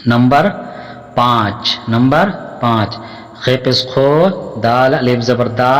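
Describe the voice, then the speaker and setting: A man's voice: mid-range voice, steady tone, slow pace, fairly bright tone. A man teaching Urdu reading with a Pakistani accent, spelling each word out letter by letter, drawing out syllables and repeating each word. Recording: long hall reverb.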